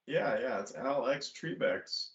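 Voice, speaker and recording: A man's voice: medium pitch, expressive, slow, fairly bright tone. A man playing a tabletop game in character, talking in a laid-back drawl. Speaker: player. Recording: dull lo-fi audio.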